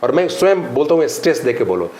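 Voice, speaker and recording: This fast-talking Indian man has a mid-range voice and teaches spoken English, speaking emphatically during a podcast interview. He drills English phrases and mixes in Hindi, all in an animated style. Faint background noise sits in an echoey room.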